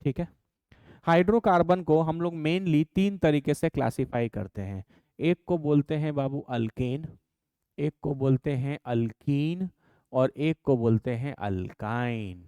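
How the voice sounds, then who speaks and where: A man teaching a chemistry class, dictating definitions slowly and calling his students "babu". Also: a little high, dark tone, clean tone, dry recording.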